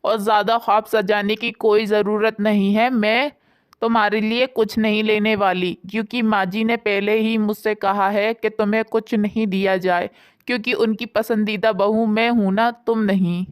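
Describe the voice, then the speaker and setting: A woman's voice: medium pitch, flat delivery, moderate pace, clean tone, no echo, studio quality, lightly acted. A woman voicing a haughty, spiteful young daughter-in-law who taunts, in a storybook. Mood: taunting. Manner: taunting, mocking.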